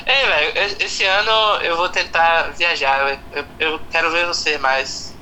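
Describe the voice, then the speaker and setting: A man's voice: on the high side, moderate pace, sharp tone, rough recording. A man with a Brazilian Northeastern accent chatting casually, slangy and often repeating himself. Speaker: musical performer being chatted with. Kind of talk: casual chat. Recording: faint background noise.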